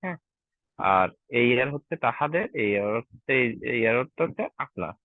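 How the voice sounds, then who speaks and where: A man's voice: medium pitch, very animated, brisk, no echo. A man teaching an online German class to Bengali speakers. He is patient and often checks that his learners follow. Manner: patient, asks learners "ঠিক আছে?" often. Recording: tinny, dry online call audio.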